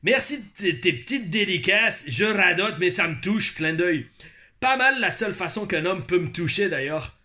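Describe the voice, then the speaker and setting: A man's voice: high voice, animated, moderate pace, bright, forceful tone. A man voicing a cheeky, teasing male Québécois fan in a put-on Québécois accent, drawing out his words playfully.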